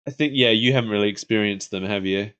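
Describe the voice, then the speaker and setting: A man's voice: lowish voice, fast talker, a bit bright, clean tone, lo-fi sound. A man co-hosting a podcast, chatting casually about cartoons like an enthusiastic fan. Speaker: podcast co-host. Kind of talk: casual chat reviewing cartoons.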